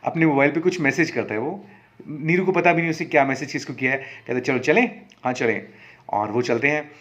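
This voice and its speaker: A man's voice: a little high, fast talker, a bit bright. A man telling a story in a casual, conversational way as a show host, often correcting himself mid-sentence. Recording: slightly dull lo-fi recording.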